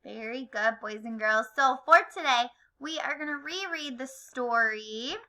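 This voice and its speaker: Bright-voiced woman teaching phonics slowly. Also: a little high, slight background noise. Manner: slow, stretched-out sounds, coaxing and encouraging. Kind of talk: early-grade phonics lesson, reading aloud to children.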